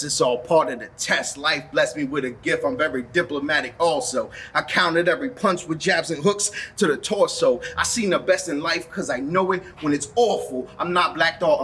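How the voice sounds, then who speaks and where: A man's voice: fairly high pitch, a bit bright, slight background noise. A man performing a rap verse with a rhythmic, confident flow. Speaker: rapper.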